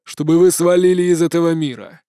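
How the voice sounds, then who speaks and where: Guy voicing a cold creepy villain dude, slow n measured, dry sound. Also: on the high side, warm tone, clean tone, dry recording, natural voice. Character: cold menacing male peacekeeper being. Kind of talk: audiobook dialogue.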